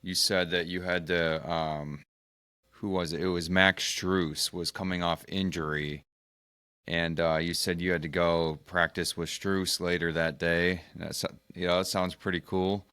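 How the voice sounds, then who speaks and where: Deep-voiced halting man, host. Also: level tone, sharp tone, clear, resonant tone, dry recording. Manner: halting, searching for words. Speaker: physical therapist and podcast host. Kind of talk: casual interview chat.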